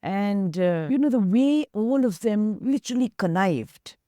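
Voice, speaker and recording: A woman's voice: mid-range voice, lively intonation, measured pace, mellow, no echo, studio quality. A woman with an Indian English accent, an activist guest earnestly retelling a story in an interview and voicing its dialogue.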